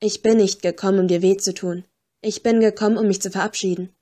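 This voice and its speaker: A woman voicing a calm, gentle young male ghost who speaks quietly and clearly. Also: mid-range voice, moderate pace, close to an everyday voice. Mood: sad calm. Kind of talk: audiobook character voice.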